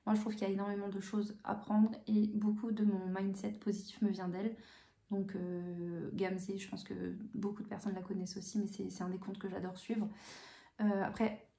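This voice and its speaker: Woman, channel host, casual chat, hesitant with lots of fillers, mellow flat voice. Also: medium pitch, moderate pace, creaky. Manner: hesitant, many fillers and restarts; calm, even delivery. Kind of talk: casual chat answering viewer questions. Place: home room with bookshelves. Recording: roomy echo.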